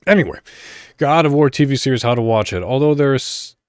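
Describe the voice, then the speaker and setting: A brisk, smooth man with a mid-range voice and lively intonation hosts a solo podcast. He talks informally, rambles now and then, and reads articles aloud, recorded at studio quality without echo.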